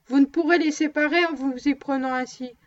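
A woman reading aloud, voicing a steady male companion who speaks plainly and calmly. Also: sits high, brisk, dull audio, lightly acted. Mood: matter-of-fact.

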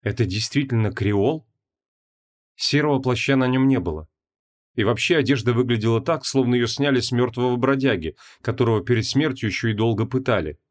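A man narrating a fantasy audiobook with an expressive, dramatic reading. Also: mid-range voice.

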